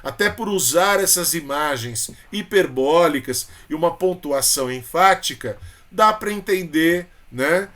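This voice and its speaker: High-voiced Brazilian literature teacher. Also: male voice, fairly bright tone. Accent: Brazilian Portuguese. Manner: chatty, calls students "coração", frequent tag questions. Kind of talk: exam-prep literature lesson.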